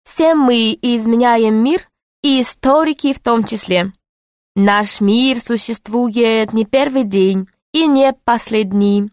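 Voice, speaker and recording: A woman reading the part of a serious grown man who guides visitors, speaking slowly and earnestly. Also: on the high side, clean tone, no room sound, clean studio sound. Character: serious adult man, a time-travel institute guide.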